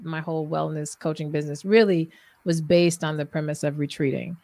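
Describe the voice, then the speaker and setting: A woman in her fifties hosting a conversational interview, candid and animated, often laughing as she talks. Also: sits low, fairly quick, creaky, no room sound. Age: 50s. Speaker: podcast host and wellness coach.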